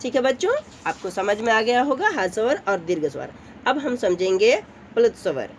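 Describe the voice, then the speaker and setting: A woman's voice: a little high, very animated, normal speed, slight background noise. A woman teacher giving a grammar lesson to children, explaining patiently, often checking in with the class and drawing out vowel sounds to demonstrate them. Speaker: school teacher.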